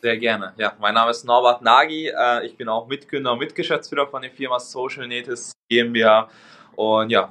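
Mann mit ungarischem Akzent im Interview. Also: male voice, medium pitch, fairly bright tone. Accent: Hungarian. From Hungary. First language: Hungarian. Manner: fluent but non-native German, tags ne, ja. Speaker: interview guest, agency co-founder. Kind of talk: casual interview talk.

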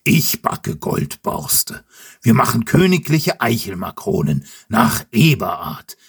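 A man voicing a grumpy, blustering wild-boar king in a gruff, grumbling tone for a storybook reading. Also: medium pitch, big pitch swings, takes it slowly, full character voice.

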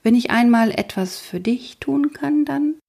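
A woman's voice: on the high side, measured pace, vocal fry, dark tone, slightly rough, pitched above the performer's own voice, heavily acted. A woman voicing a bashful adult male detective who stammers and mumbles, in an audiobook. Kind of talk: audiobook character voice.

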